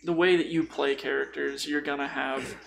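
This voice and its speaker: This male podcast host has a gravelly, fairly bright voice of medium pitch and speaks at a moderate pace in a steady tone. He talks tabletop gaming in a loose, jokey way with a bit of mild profanity, and the recording quality is low.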